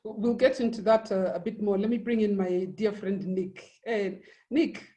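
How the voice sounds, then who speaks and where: A woman hosts a live interview, leading with curious, prompting questions. Her voice sits in a middle pitch range. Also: fairly even intonation, normal speed, warm tone. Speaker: talk show host.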